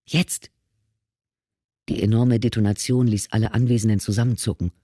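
A man reading a novel aloud with steady, measured narration. His voice is mellow and warm, recorded dry and close with no room sound. Pitch sits in an ordinary middle range. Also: dry recording. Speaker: audiobook narrator. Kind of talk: scripted narration.

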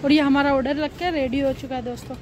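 A young woman with a high, bright voice chats eagerly to her viewers about the food in front of her. She talks straight into a handheld phone while sitting out on a rooftop at night, and faint noise hums behind her. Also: fairly even intonation, fast. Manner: chatty, enthusiastic, addresses viewers as friends. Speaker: food vlogger. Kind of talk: casual restaurant review vlog. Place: rooftop restaurant at night, outdoors.

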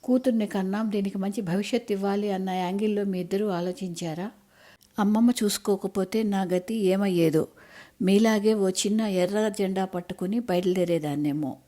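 A woman voicing an angry young college-age daughter with a sharp, accusing, scornful way of talking in an audiobook story. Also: medium pitch, moderate pace, natural voice.

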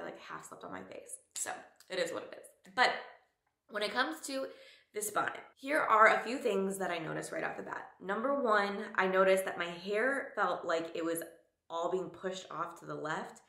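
A woman's voice: lowish voice, normal speed, sharp tone. A woman vlogger chatting casually through a product review, full of fillers and an occasional whisper. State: morning voice. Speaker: beauty vlogger. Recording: echoey room.

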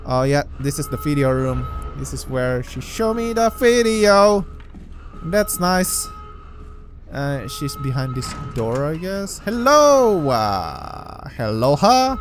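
An excitable man narrates his own horror game run, his voice swinging widely between mutters and startled yelps. He talks to himself the whole way, with game music playing under him. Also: a little high, slow. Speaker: gameplay commentator. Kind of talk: let's play commentary. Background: game music and sound.

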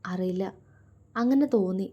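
A woman doing a hushed, remorseful young husband. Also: mid-range voice, moderate pace, muffled recording, close to an everyday voice. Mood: subdued. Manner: hushed, subdued.

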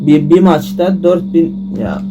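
A man giving frustrated gameplay commentary, swearing and shouting at the game. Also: fairly high pitch, animated, takes it slowly, background noise. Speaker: gaming YouTuber. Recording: music loud behind voice.

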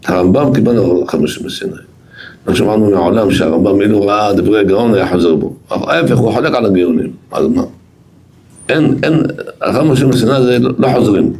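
A man with an Israeli accent teaching a Torah lesson to a yeshiva class, emphatic and repetitive, growing loud and excited as he tells stories. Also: on the low side.

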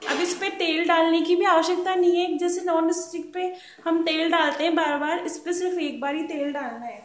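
A woman hosting her cooking channel, calmly and patiently walking through a recipe step by step at a gas stove in a home kitchen and repeating her tips. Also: very high voice, moderate pace, a little hiss or hum. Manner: calm, patient instructional talk, repeats tips. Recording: roomy kitchen echo with pan sounds.

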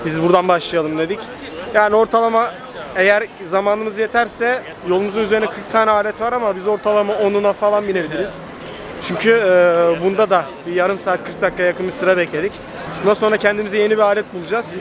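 A man's voice: high voice, steady tone, fast talker, a crowd in the background. A man in his twenties talking casually to a handheld camera as he vlogs outdoors. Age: 20s. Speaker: vlogger. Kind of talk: casual vlog narration to camera. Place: outdoors in a busy amusement park. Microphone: handheld camera at arm's length. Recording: outdoor ambient noise from park.

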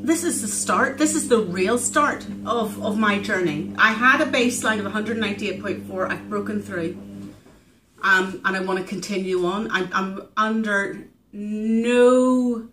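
A woman in her forties shares an earnest, confessional diary vlog, pausing often with ums and restarting her thoughts. Her voice carries a noticeable room echo. A steady wash of ambient noise sits behind her. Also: mid-range voice, far from the mic. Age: 40s. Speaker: vlogger keeping a weight-loss diary.

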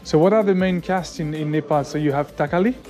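A man's voice: fairly high pitch, fast talker, music in the background. A man in his thirties with a French accent, chatting enthusiastically as a travel vlogger while filming himself outdoors on an action camera. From France. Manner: enthusiastic, chatty, laughs often. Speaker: vlogger host. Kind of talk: casual travel vlog chat. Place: outdoor temple courtyard and streets. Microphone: action camera at arm's length.

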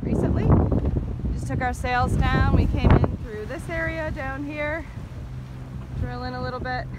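A woman's voice: high-pitched, unhurried. A woman chatting casually while sailing up a river, giving admiring tour commentary. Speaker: vlog co-host. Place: outdoors on a boat. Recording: loud wind on the mic.

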